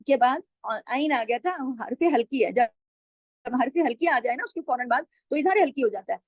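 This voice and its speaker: A woman with a high voice gives a patient, step-by-step lesson on Quran recitation, slowly drawing out example words. Her voice is dry and close, with no room sound. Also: a little mellow, no room sound. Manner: patient, explains rules step by step and repeats words. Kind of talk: tajweed lesson with slow drawn-out example recitation.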